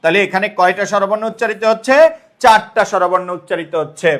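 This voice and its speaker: High-voiced man teaching a grammar lesson. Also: fairly even intonation, fast talker, a bit bright. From Bangladesh. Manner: explains step by step, repeats questions and checks understanding; sounds out words syllable by syllable. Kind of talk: online exam-prep lesson.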